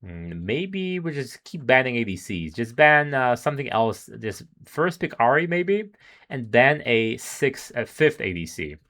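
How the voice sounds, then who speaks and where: A man's voice: medium pitch, very animated, a little slow, fairly bright tone. A man doing live solo esports commentary, analytical and musing, chuckling between thoughts, his voice wearing thin. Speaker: esports caster.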